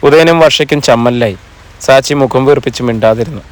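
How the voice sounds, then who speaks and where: A man narrating a novel as an audiobook, in a steady, even storytelling delivery. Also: mid-range voice, a little fast.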